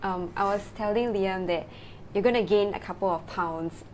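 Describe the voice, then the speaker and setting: A woman's voice: medium pitch, moderate pace, noisy background. A woman from Singapore, a founder talking as a guest in a casual interview, chatty and full of fillers and tag questions.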